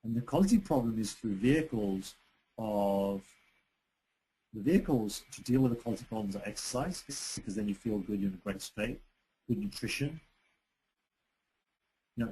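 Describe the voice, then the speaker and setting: Speaking into a computer microphone for a webinar, a man gives a conversational lesson on relationships, full of fillers, restarts, and long pauses. His fairly low voice is mellow and slightly rough, delivered at a moderate pace on a low-quality recording.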